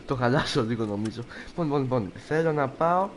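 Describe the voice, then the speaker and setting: A man's voice: mid-range voice, lively intonation, a little hiss or hum. A young man chatting playfully and rambling as he streams himself playing a game. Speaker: gameplay streamer. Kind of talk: casual live commentary over a game.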